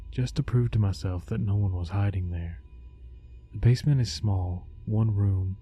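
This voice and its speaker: A man narrating a scripted first-person scary story in a low, haunting, measured voice. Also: warm tone, husky. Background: background music.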